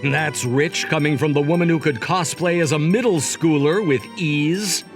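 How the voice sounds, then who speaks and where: Over background music, a man with a fairly high voice speaks at normal speed, lightly acted, as a cocky, logic-obsessed young job seeker narrating a manga romcom dub. He sounds teasing and incredulous, smug and wordy, bantering theatrically with dramatic asides.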